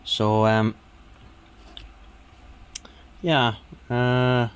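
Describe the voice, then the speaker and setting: A hobbyist radio restorer talks his way through a repair, casual and unhurried, hesitating and sometimes muttering to himself as he works. His mid-range voice has fairly even intonation and a clear, resonant tone.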